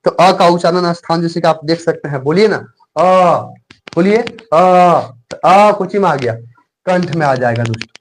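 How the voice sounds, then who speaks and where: Man, high-pitched voice, grammar teacher, repetitive quizzing delivery, drawn-out letter drills, faint background hiss. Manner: repetitive, quizzes viewers, frequent filler phrases and "my friend". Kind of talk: online exam-prep lesson.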